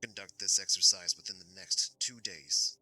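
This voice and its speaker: A cold, commanding voice on the phone, as a man puts on a stern teacher, very deep and hard-edged. He speaks in short, clipped orders with no warmth at all. Each word lands like an instruction for a tabletop game. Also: moderate pace, husky, no echo, exaggerated voice. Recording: heard over a phone call.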